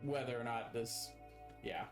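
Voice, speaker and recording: A man's voice: mid-range voice, flat delivery, unhurried, over music. A man chatting casually as a player in a tabletop game, explaining things in a rambling way.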